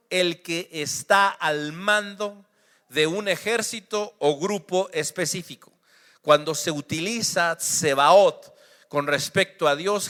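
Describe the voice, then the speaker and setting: A man's voice: high-pitched, sharp tone, clear, resonant tone, in a large hall. A man with a Mexican accent, a pastor preaching a sermon with emphatic rhetorical questions.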